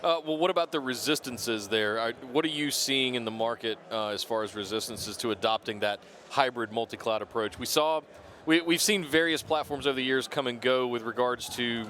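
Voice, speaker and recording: A man's voice: medium pitch, brisk, a bit bright. Chatty man hosting over background noise. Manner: chatty, informal. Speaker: interviewer hosting an event live stream. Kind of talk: casual live interview. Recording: noisy busy event floor background.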